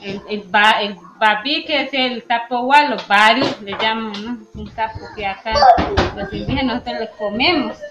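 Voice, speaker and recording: A woman teacher telling a traditional tale in an unhurried way, often adding little questioning tags and fillers. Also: a little high, a crowd in the background. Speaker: community preschool teacher. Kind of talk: oral storytelling on radio. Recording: dull lo-fi radio sound with music.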